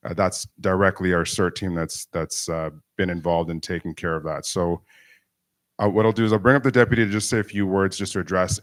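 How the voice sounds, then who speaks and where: A man's voice: deep voice, dry recording. A man, a police superintendent losing his voice, addressing a community meeting in a plain, direct way.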